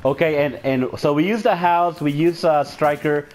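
A man's voice: a little high, moderate pace, a little mellow. A man playing an online shooter, chatting casually over voice chat, swearing, laughing and taunting the other team. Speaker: gamer on voice chat. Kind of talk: casual game chat, trash talk.

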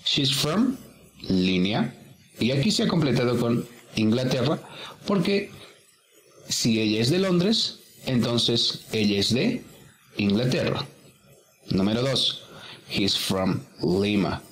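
A man's voice: mid-range voice, big pitch swings, slow, long pauses. A man teaching English, working through a workbook exercise step by step and patiently repeating each answer.

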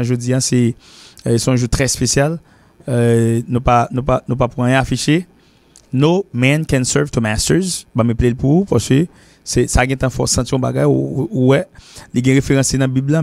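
A Haitian-accented man teaching an English lesson in a gravelly, creaky voice. He explains patiently, circling back and repeating himself, and slows right down on each English phrase. The sound is dry and close, with no room around it. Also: medium pitch, a little mellow, dry recording. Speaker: English teacher and show host. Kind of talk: spoken language lesson.

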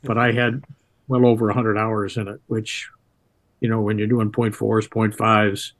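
A man in his seventies with an American accent, a retired Navy pilot reminiscing plainly and haltingly on a video call. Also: lowish voice, flat delivery. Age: 70s. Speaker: interview guest, retired Navy test pilot. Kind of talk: reminiscing in conversation. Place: home room indoors. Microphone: video call, computer microphone.

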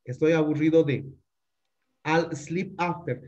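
A man's voice: fairly high pitch, slow pace, darkish tone, lo-fi sound. A man teaching an English grammar lesson, repeating his points and often checking that the students understand. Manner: repetitive, checks understanding with frequent tag questions. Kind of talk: classroom lesson explaining grammar.

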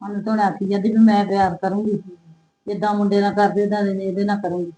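Soothing woman, mellow voice. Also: medium pitch, flat delivery, fast talker. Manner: soothing, agreeing. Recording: echoey room with faint noise.

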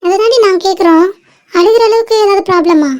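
A woman voicing a chatty teenage girl, the heroine's best friend, in a teasing, high voice. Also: brisk, darkish tone.

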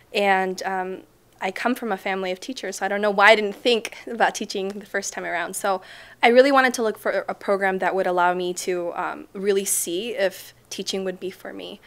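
Young woman teacher answering interview questions. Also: medium pitch. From Chile. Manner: thoughtful, frequent ums, soft trailing off. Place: school library, indoors. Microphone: off-camera mic, seated interview framing.

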